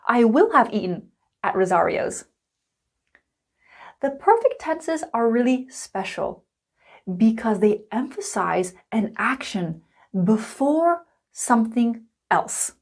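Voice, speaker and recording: A woman teacher walks through a grammar lesson at an unhurried pace, stressing each key phrase with care. Her voice sits a little high and swings widely in pitch. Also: sing-song. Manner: slow, deliberate, emphatic explaining. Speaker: English teacher.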